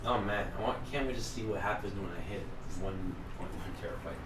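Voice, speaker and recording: A man's voice: on the low side, fairly quick. A man who streams online, telling loose stories in casual chat with friends, full of fillers and "like". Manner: loose, filler-heavy storytelling. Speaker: livestreamer. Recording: distant mic, roomy, noisy.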